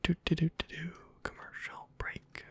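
A gaming video host offers casual, playful ASMR commentary on a game, speaking in a hushed, breathy half-whisper close to the mic and muttering to himself at a normal speed.

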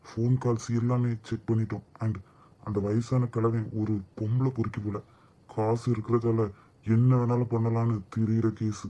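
A man's voice: mid-range voice, completely flat delivery, moderate pace, warm tone, close to an everyday voice. A man voicing a loyal young henchman in a cartoon drama, reporting to his boss in a matter-of-fact way. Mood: dutiful. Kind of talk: amateur cartoon voice acting.

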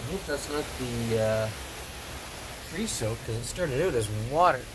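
A man talks his way through a car wash from behind the wheel of his van, rambling and musing, with a lot of fillers and restarts. His voice sits at an ordinary middle pitch. Loud spraying water and vehicle noise carry clearly under the phone recording. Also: lively intonation, unhurried. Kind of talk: casual vlog commentary. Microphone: phone camera in the driver's seat.

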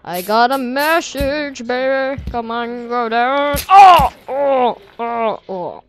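A woman's voice: fairly high pitch, takes it slowly, clear, resonant tone. A woman giving casual gameplay commentary, muttering to herself between sudden whoops and cheers. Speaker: gamer playing a physics game.

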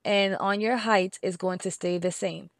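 A woman with a Spanish accent talks through a software craft tutorial step by step, slowing down to repeat each number. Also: mid-range voice, steady tone, no room sound. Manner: patient, repeats steps and numbers slowly.

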